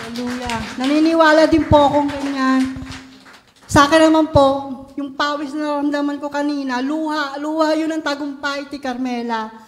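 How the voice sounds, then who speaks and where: A woman's voice: high voice, fairly even intonation, normal speed, slight background noise. A woman leading a prayer meeting, affirming each testimony and calling on the next speaker.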